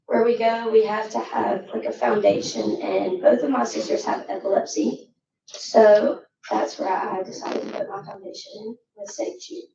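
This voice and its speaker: A teenage girl, hoarse and nearly voiceless, speaking in a raspy whisper as she gives an informal prepared speech. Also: mid-range voice, very animated, moderate pace. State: hoarse, voice nearly gone from cheering. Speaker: student award recipient speaking. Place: echoey municipal meeting room. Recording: roomy, distant mic, muffled, faint noise.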